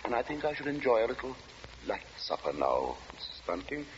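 An actor in a 1940s radio drama playing a weary, pious, eccentric gentleman lodger with a hesitant, formal and precise manner. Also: medium pitch, big pitch swings, brisk, lightly acted. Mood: businesslike. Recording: echoey, muffled, hissy 1940 radio recording.

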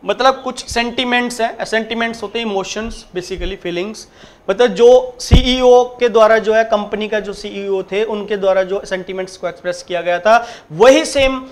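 A man teaching an exam-prep grammar lecture, explaining step by step, repeating his points and reading the example sentences slowly. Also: high-pitched. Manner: emphatic, repeats points and keeps checking in. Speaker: English teacher.

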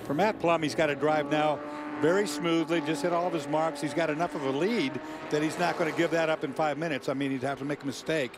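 A man's voice: on the high side, fairly even intonation, fast talker, background noise. A man commentating on a race with short, casual remarks. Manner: short casual asides and reactions. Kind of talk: motorsport analysis commentary.

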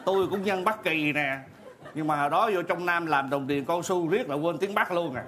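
An actor playing a pompous old village elder who reads out a feast menu with showy emphasis in a stage comedy. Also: male voice, on the high side, moderate pace, background noise, natural voice. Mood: smug. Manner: reading out a list with showy emphasis. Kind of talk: live stage comedy sketch.

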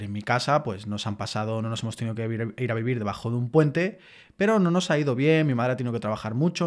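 A podcast host from Spain speaks in a frank, personal monologue with a Spain Spanish accent. His voice sits at an ordinary middle pitch for a man. He talks bluntly, swears casually and keeps restating his point to make sure he is understood. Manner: earnest, explains himself repeatedly.

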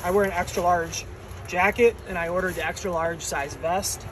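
A man in his thirties talks through a gear review in a loose, unscripted way, filling pauses with ums as he points things out. His voice sits a little high for a man. Clear background noise runs under the phone recording. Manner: relaxed, many ums, shows items while talking. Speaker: volunteer ski patroller. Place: snowy outdoor deck, then indoor garage.

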